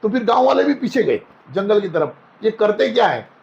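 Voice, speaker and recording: A man's voice: sits high, big pitch swings, moderate pace, vocal fry, a little mellow, lo-fi sound. A man as a spiritual guest, telling homely anecdotes in a casual interview and acting out the voices in them. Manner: anecdotal, folksy, acts out quoted voices.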